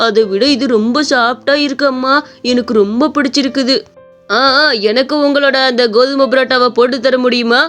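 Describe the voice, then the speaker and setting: A woman plays a stubborn little boy in a cartoon story, whiny and pleading. His voice sits high. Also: fairly even intonation, normal speed, a bit bright, soft background music. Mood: delighted. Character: young boy, stubborn, craves parottas.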